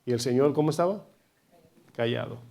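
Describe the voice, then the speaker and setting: Male pastor in a church service. Emphatic preacher who questions the congregation directly. Big swings between loud and soft phrases. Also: medium pitch, animated, brisk, gravelly. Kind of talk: sermon.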